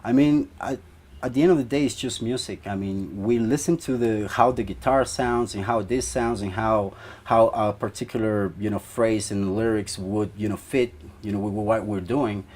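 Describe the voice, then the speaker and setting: A man's voice: fairly low pitch, fairly even intonation, moderate pace, darkish tone. A young man from Ecuador, a band guitarist, answering interview questions in a rambling way with many fillers.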